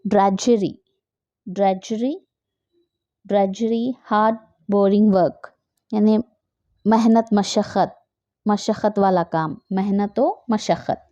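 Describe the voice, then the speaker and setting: Woman teacher, mid-pitched, drills each word slowly and repeats it, close dry voice-over. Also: steady tone, warm tone, dry recording, highs cut off. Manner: switches between English and Hindi-Urdu. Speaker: English teacher. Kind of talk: slow vocabulary lesson.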